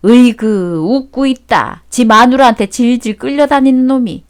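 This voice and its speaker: A woman's voice: fairly high pitch, normal speed, natural voice. Scornful mother-in-law for a radio drama, middle-aged, blunt and nagging, played by a woman. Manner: scolding, sarcastic.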